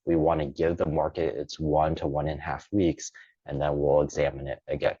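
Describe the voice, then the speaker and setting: Male market analyst host, very deep voice, slightly hoarse, measured explainer, dry close sound. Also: little pitch movement, mellow, dry recording, dull audio. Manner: measured, explanatory, thinking aloud with restarts. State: losing his voice. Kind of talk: pre-market analysis talk.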